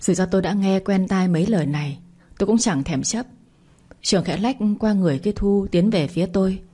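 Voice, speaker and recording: A woman narrating a bedtime story in the first person, calm and even. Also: medium pitch, brisk, breathy edge.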